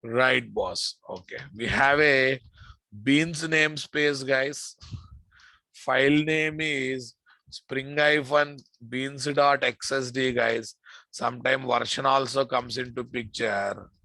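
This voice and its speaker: A man's voice: medium pitch, steady tone, slow pace, sharp tone, no room sound, rough recording. A man with an Indian accent giving an informal programming lecture, repeating phrases and addressing his students familiarly. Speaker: programming instructor. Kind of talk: informal live classroom lecture.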